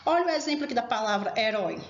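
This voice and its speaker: A woman teacher giving a recorded grammar lesson, explaining slowly and emphatically and speaking directly to her students. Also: on the high side, big pitch swings. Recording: echoey room, dull lo-fi sound.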